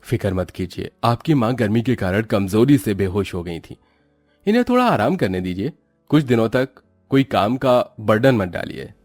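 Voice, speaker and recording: A man voicing a calm, formal doctor in a storybook, giving reassuring advice. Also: fairly low pitch, normal speed, no room sound, soft background music. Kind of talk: storybook voice acting.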